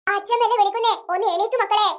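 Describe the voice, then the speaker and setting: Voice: very high voice, steady tone, rapid-fire. A performer playing a fussing, loving old grandmother who coaxes the children in a family skit. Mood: coaxing. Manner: coaxing and doting, with rural Kerala speech.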